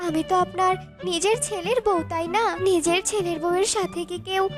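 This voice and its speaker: A woman's voice: very high-pitched, fairly even intonation, brisk, music in the background. A woman voicing a meek, sickly young bird mother who pleads with her mother-in-law in a cartoon. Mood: pleading. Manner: pleading, gentle complaints.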